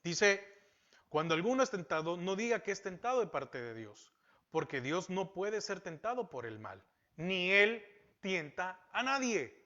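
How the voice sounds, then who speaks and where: Male pastor, sermon delivery, rhetorical questions, bright forceful tone, lo-fi recording. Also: high voice, big pitch swings, a little slow. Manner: asks rhetorical questions and repeats key phrases. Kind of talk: Bible-teaching sermon. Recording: dull lo-fi sound.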